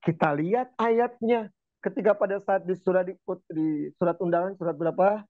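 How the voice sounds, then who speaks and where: Man preaching, animated storyteller, chants verses slowly, dry close sound, tinny phone-like recording. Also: sits high, no room sound. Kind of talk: casual religious talk.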